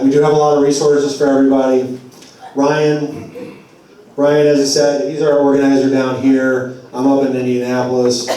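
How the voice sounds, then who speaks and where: Male speaker at a public meeting, mellow tone, casual and digressive, voice wearing thin, heard from afar in a very echoey room. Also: medium pitch. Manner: conversational, loose and digressive. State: losing his voice. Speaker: advocacy group speaker at a community forum. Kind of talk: public address at a community meeting. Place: church meeting hall. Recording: very echoey hall, voice far from mic.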